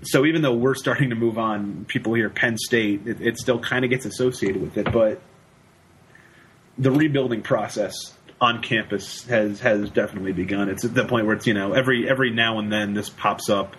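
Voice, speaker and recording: A young man with a fairly low voice, speaking as a student guest on a casual podcast. He talks haltingly, stacking restarts and repeated words while he looks for the right phrasing. Faint background noise runs underneath. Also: fairly even intonation, a bit bright, low-quality recording. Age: young adult. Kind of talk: casual conversational interview.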